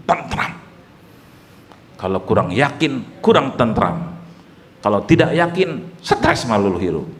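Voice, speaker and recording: A middle-aged man with a Sundanese accent, teaching an evening religious study sermon, swinging from loud rises to low murmurs and reciting Arabic passages. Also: a little hiss or hum. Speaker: Islamic boarding school teacher.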